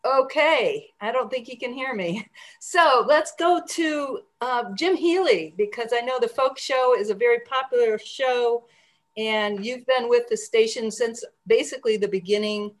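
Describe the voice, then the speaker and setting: A woman's voice: a little high, unhurried. A woman hosting a conversational radio interview over a group call, speaking in an encouraging, appreciative way. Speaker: radio station host interviewing programmers. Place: remote group video call.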